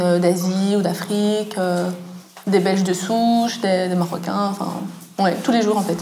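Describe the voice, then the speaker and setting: A woman's voice: medium pitch, a little mellow, a little hiss or hum. Young student woman in an echoey room. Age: young adult. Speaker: university student. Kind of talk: interview answers.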